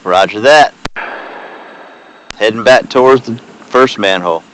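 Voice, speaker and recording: A man's voice: on the low side, measured pace, fairly bright tone. A man acting as dive supervisor over a radio intercom, giving terse, procedural confirmations and repeating back reports. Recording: noisy dive radio comms.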